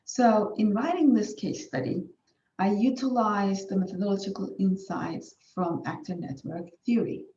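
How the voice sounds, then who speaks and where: Her medium-pitched, mellow voice comes at a normal speed amid slight background noise, recorded distantly in a dull, echoey room. She is a Turkish woman, Turkish being her first language, presenting formal academic research and often using fillers and restarting.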